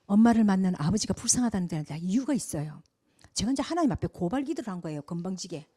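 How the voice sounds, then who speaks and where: A middle-aged woman pastor, telling a testimony sermon in an animated way, loud one moment and hushed the next. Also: mid-range voice, quick pace. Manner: animated storytelling, swings from loud exclamations to hushed asides.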